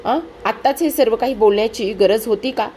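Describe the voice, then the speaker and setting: A woman's voice: fairly high pitch, fairly quick, dark tone, slight background noise, lightly acted. A reproachful, pleading wife, read by a woman. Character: troubled middle-aged wife pleading with family.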